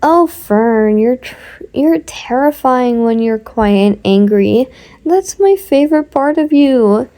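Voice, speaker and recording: A woman's voice: on the high side, animated, slow pace, mellow. A woman voicing a whiny, teasing boy who complains and jokes as he climbs. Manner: playful, whining.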